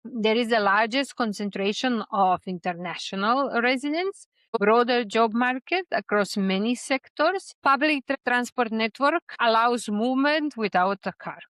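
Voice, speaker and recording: A woman's voice: fairly high pitch, animated, normal speed, fairly bright tone, no echo. A young woman from Serbia giving expat life tips in a casual explainer to camera, with frequent fillers and restarts.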